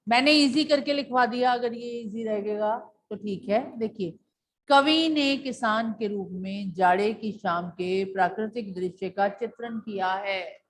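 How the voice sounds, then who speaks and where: A woman's voice: mid-range voice, a little slow. A woman teacher explaining a poem to her class, patiently repeating key points and asking questions that she then answers herself. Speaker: school teacher.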